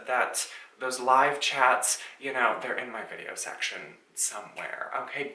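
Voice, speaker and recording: A man's voice: medium pitch, sharp tone, reverberant, rough recording. A man in his early thirties hosting his own channel, talking casually to viewers in a sassy, chatty way, often calling them "honey" and tagging lines with "okay?". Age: 30s. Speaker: channel host. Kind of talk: casual talk to camera.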